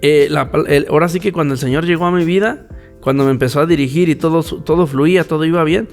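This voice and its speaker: A man's voice: fairly high pitch, fast talker, soft background music. Earnest man sharing testimony. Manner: earnest, repeats key phrases for emphasis. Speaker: podcast co-host. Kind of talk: casual faith testimony chat.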